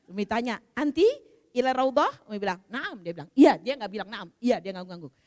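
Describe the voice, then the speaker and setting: A middle-aged woman teaching a women's religious study group. She tells stories in a chatty, animated way and acts out the dialogue. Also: mid-range voice, quick pace. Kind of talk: storytelling religious talk. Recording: long reverb hall.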